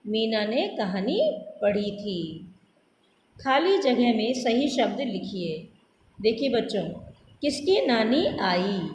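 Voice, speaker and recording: A woman with a fairly high voice leads a Hindi spelling lesson for small children. She takes it very slowly and sounds out every word letter by letter. Her voice echoes around the room, with a faint hiss underneath. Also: a little mellow. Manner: spells words letter by letter, drawn out. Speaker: primary school Hindi teacher.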